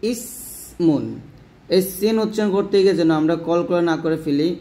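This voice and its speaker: A man with a Bangladeshi Bengali accent leads a recitation lesson in a slightly raised voice. He explains patiently, then slows down to stretch out and repeat each sound several times. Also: sits high, warm tone. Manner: patient, repeats and drags out sounds to demonstrate them. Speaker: Quran reading teacher. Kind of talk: spoken lesson.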